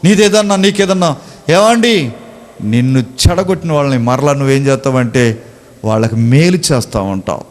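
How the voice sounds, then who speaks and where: A man's voice: medium pitch, expressive, moderate pace. A male pastor preaching a sermon, asking the congregation rhetorical questions and addressing them directly.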